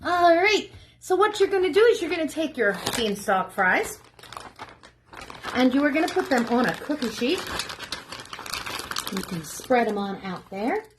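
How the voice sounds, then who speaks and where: A children's librarian reading a story aloud while walking kids through a simple snack recipe in a lively sing-song manner, recorded at home for a remote program. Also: female voice, sits high, measured pace, pauses often, background noise. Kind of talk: storytelling cooking demo for children. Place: home kitchen, remote video.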